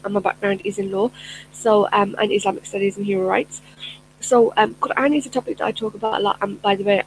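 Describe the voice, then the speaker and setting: A middle-aged personal development coach whose first language is Urdu talks casually but earnestly to her viewers on camera, in a mid-range voice. She frequently pauses on fillers and restarts sentences. The recording is low quality, with a faint hum in the background.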